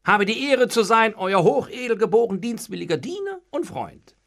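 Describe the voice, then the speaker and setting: A man voicing a cheeky, nosy young male servant who chatters quickly in a high voice. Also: huge pitch swings, gravelly, a bit bright, exaggerated voice.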